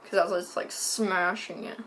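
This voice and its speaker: A woman co-hosting a casual chat, telling a long story with many "like"s and deadpan asides. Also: lowish voice, moderate pace, a little hiss or hum. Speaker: co-host.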